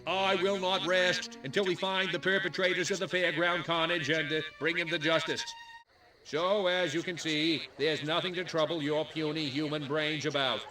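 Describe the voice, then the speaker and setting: A man's voice: a little high, fairly even intonation, moderate pace, over music, lightly acted. A man voicing an alien invader posing as a small-town mayor, awkwardly and stiffly trying to sound human and slipping now and then. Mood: stiffly reassuring. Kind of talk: video game cutscene acting.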